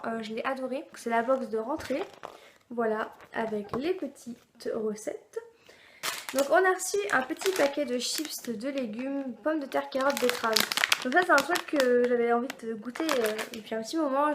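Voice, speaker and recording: Chatty high-voiced young woman. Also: fairly bright tone, slight background noise. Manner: chatty, rambling, many fillers and restarts. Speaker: beauty and food box vlogger. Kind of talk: casual unboxing chat to camera.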